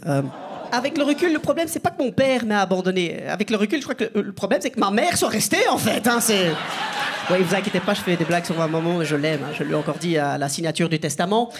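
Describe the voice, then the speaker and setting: A man with a light, not very masculine voice, doing a chatty, self-mocking stand-up set and talking to the crowd. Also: high voice. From Belgium. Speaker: stand-up comedian. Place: comedy club stage with live audience. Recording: live club recording with crowd noise. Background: audience laughter.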